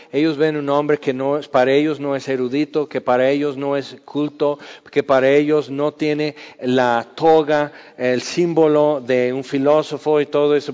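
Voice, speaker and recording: A man preaching a sermon in a conversational way, acting out quoted voices and sometimes dropping to a hush. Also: a little high. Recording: dull sound with long hall reverb.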